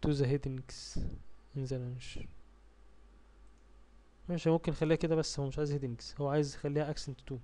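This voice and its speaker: Over a screen recording, a man with an Egyptian Arabic accent teaches spreadsheets, reading each English task slowly before explaining it and posing questions to himself that he answers while clicking through. His voice is fairly high, steady, and warm.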